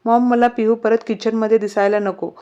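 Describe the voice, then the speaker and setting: A woman voicing a protective, quick-tempered young husband in a storybook reading. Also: fairly high pitch, flat delivery, dark tone, natural voice. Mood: stern. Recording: slightly muffled recording.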